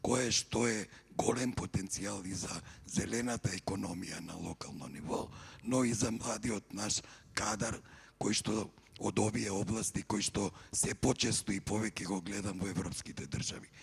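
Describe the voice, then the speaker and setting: A man with a husky, whispery voice, an energy efficiency expert asking a formal question from a conference audience on a handheld microphone. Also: on the low side, normal speed. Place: conference hall.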